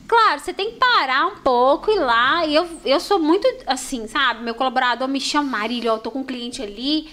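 A woman with a Brazilian Portuguese accent from Minas Gerais, a store manager chatting casually on a podcast and telling lively stories. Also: sits high. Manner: animated storyteller, warm and expressive.

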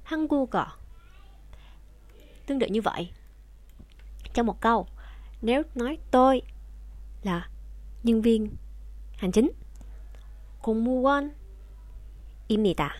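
A woman with a somewhat high voice gives an online language lesson. She explains each rule patiently and speaks straight to her viewers. The recording is dry, with no room echo. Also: unhurried, pauses often, darkish tone. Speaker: Korean language teacher.

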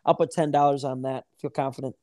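A man's voice: mid-range voice, little pitch movement, fast talker, darkish tone, no echo, clean studio sound. A man co-hosting a casual podcast, easygoing and joking. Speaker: podcast co-host.

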